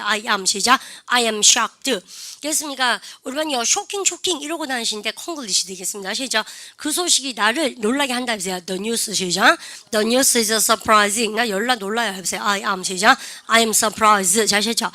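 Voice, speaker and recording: Woman, middle-aged, chatty drill-style grammar teacher, crisp bright tone. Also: a little high, dry recording. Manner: drills the class, prompting "시작" and modelling slow English phrases; chatty, keeps asking "아시죠?" and "그죠?". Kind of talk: lively classroom grammar lecture.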